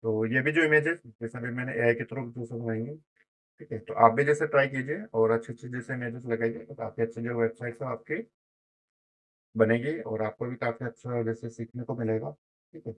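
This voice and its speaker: A hoarse man giving a casual screen-share web design tutorial, rambling with lots of fillers and frequent "okay?" check-ins. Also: medium pitch, fairly even intonation, a little fast, fairly bright tone, slight background noise, rough recording.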